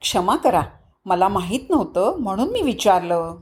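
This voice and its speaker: A woman's voice: mid-range voice, sing-song, moderate pace, close to an everyday voice. A woman doing a courteous royal minister. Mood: respectful. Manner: polite, deferential address. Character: courteous male royal minister, respectful and apologetic.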